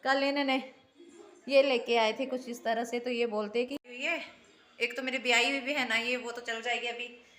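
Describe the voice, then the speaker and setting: A woman's voice: on the high side, steady tone, normal speed, fairly bright tone, low-quality recording. A woman, chatting casually to her viewers as she films her garden and home. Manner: chatty, keeps saying "look" and "guys" to viewers. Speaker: family vlogger. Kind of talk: casual home vlog tour. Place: home garden on a foggy day, then indoors.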